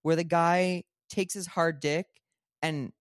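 Podcast guy, kinda hesitant and deadpan, lots of ums, dry close sound. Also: on the high side, slow pace, no room sound. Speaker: podcast co-host. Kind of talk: casual chat.

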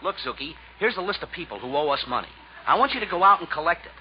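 A man's voice: on the high side, sing-song, fast. A man playing a carefree young repair-shop owner with a breezy, upbeat manner, in 1940s radio comedy acting. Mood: brisk. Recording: dull, hissy old radio recording.

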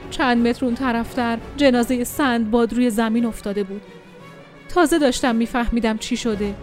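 A woman tells a first-person adventure story with expressive, dramatic delivery. Her voice is high, and faint music plays softly beneath the narration.

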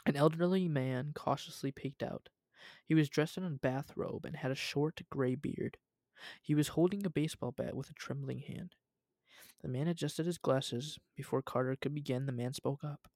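A man's voice: medium pitch, moderate pace, darkish tone, dry recording, studio quality. A young man reading a story aloud at home, casual, with asides.

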